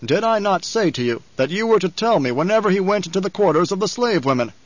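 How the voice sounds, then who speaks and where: A man's voice: sits high, lively intonation, no room sound, voice pushed up. A man voicing a menacing, imperious old baron. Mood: cold anger. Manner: mocking, deliberate, imperious. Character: menacing older tyrant baron, coldly controlled, scheming. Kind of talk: audiobook character voice. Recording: slightly dull, lo-fi audio.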